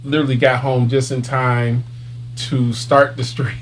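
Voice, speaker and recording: A man's voice: medium pitch, level tone, a little slow. Chatty man hosting a podcast. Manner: chatty, laughs, loose phrasing. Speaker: podcast host. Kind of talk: casual live-stream chat. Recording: faint hum behind.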